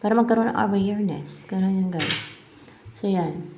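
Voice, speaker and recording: A woman's voice: mid-range voice, moderate pace, noisy background. A woman doing a casual tarot reading for her viewers, chatty and thinking aloud, slipping English words into her talk. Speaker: tarot reader.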